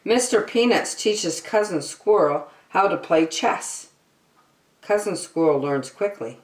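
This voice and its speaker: A woman's voice: fairly low pitch, expressive, slow. A woman reading a children's picture book aloud, expressively and with emphatic phrasing for small listeners. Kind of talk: expressive read-aloud storytelling for young children. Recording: roomy, echoey room sound.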